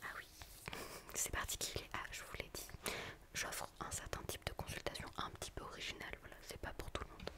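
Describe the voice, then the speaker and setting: A quirky, gentle woman whispers briskly in a soothing ASMR role-play, playing a book physiotherapist tending to a patient. Her hushed, library-like whisper repeats phrases in a calming way.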